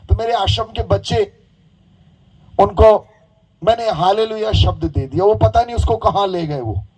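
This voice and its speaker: Hoarse high-voiced male preacher. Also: rough recording. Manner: animated storytelling, coaxing the crowd. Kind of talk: sermon with call-and-response.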